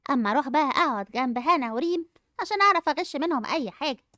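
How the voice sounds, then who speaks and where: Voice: high voice, expressive, racing, sharp tone, dry recording, clean studio sound, pitched below the performer's own voice. A young female voice doing a sneering jealous schoolgirl. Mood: scheming. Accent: Egyptian Arabic. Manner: sneering, mocking. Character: spiteful jealous schoolgirl who cheats. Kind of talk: dubbed animated game movie.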